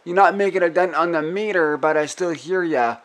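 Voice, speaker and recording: Here a ham radio operator, a man whose voice runs on the high side, swaps call signs and signal reports and repeats his phrases, speaking a little fast. He's indoors at a radio desk, and the noisy room carries radio hiss and static.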